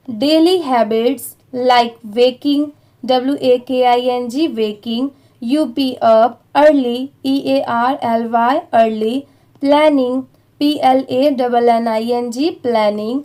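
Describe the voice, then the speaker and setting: A woman with an Indian accent teaching English reading, spelling words out letter by letter and then blending them, with slow, careful English reading. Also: sits high, warm tone.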